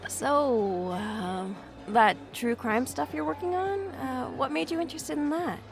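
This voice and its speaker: In an audio drama with music behind her, a woman in her twenties plays a reserved, overworked young office worker. Her high, creaky voice is unhurried, and she comes across as defensive and a little awkward.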